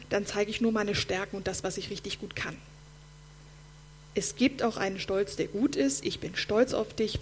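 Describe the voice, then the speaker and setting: A woman preaching a sermon in German, speaking directly and warmly to her listeners as friends. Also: medium pitch, slight background noise.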